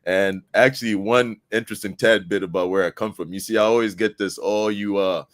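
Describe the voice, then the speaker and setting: A man's voice: fairly low pitch, a little fast, dry recording, clean studio sound. A man from Zambia, a guest debater on a live stream, talking casually with lots of fillers and restarts. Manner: relaxed, many fillers and restarts.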